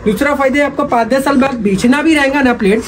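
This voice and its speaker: A man, giving a rapid, repetitive sales pitch while showing gear in a cluttered indoor shop, filmed close up. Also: slight background noise. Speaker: gym equipment seller.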